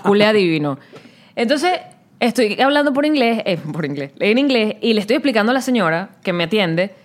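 A woman co-hosting a podcast, telling an animated story in casual chat. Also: on the high side, a little fast. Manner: animated storytelling, acts out phone calls. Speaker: podcast co-host.

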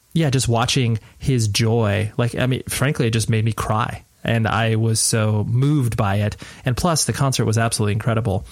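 An American man with a mid-pitched voice hosts a casual podcast intro. He keeps it quiet, as one does at night at home, yet sounds earnest and informal, rambling along. The sound is very dry, with no room echo. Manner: keeping his voice quiet at night, restrained. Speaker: podcast host. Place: at home at night, next door to a sleeping person.

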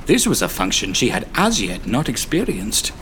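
A man's voice: on the low side, wildly swooping pitch, normal speed, a bit bright, slight background noise. Wry man narrating a story.

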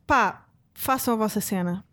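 A woman's voice: mid-range voice, moderate pace, a bit bright, a little hiss or hum. A young woman with a European Portuguese accent hosting a podcast in informal, slangy casual chat. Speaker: podcast host.

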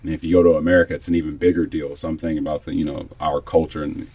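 A man with a very deep, husky voice tells stories as an interview guest. He is chatty and slips into quoted lines of dialogue. The recording is dry and close. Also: level tone, racing, mellow, no echo. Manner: chatty, acts out quoted speech. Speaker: foundation guest. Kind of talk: casual interview storytelling.

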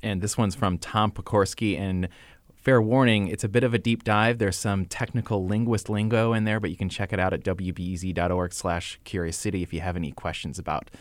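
A man hosting a radio segment in a relaxed way, thanking his guest and setting up the next part. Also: deep voice, a little fast, dry recording. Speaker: radio host. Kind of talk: casual radio chat.

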